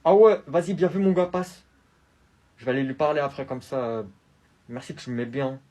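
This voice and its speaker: A man's voice: medium pitch, moderate pace, a little mellow, lightly acted. A young man playing a cocky teenage boy from school with slangy swagger.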